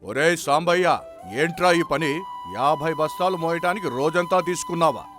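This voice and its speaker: A man's voice: on the high side, moderate pace, fairly bright tone, faint music behind, lightly acted. A man playing a scornful stingy village boss. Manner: scornful, bullying. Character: harsh stingy village employer, middle-aged man.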